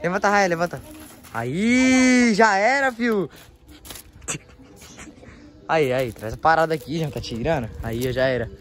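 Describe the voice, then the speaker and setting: A young man with a São Paulo Brazilian accent, chatting casually and excitably in slang to a handheld phone outdoors as he vlogs. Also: on the high side, unhurried, pauses often. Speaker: vlogger. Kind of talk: casual vlog chat. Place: outdoors in a residential yard. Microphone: handheld phone, held by the speaker.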